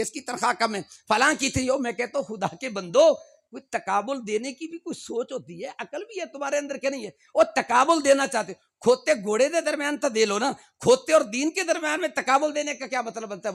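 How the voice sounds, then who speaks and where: A middle-aged male preacher with a high, gravelly voice. He preaches with fervour and rises to emphatic calls. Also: fairly bright tone. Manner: fervent, shifting between Urdu and Punjabi, rising to emphatic calls. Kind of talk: sermon.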